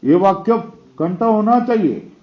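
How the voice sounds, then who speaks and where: Slow, high-voiced man teaching scripture. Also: lively intonation, dull audio. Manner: explains slowly, quotes Sanskrit verses, asks listeners to confirm. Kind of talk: scripture lecture.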